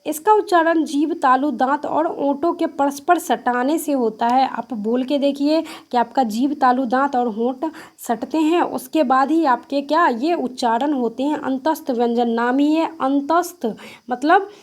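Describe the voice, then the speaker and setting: A woman's voice: high voice, measured pace, darkish tone. A woman teacher giving an exam-prep grammar lesson, who asks her students questions, answers them herself and repeats each key point. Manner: mixes English words into explanations.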